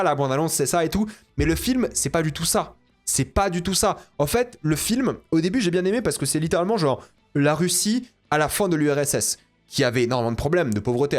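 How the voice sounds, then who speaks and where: A young man giving a casual spoken film review, exasperated and ranting, repeating himself. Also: fairly high pitch. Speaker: film critic.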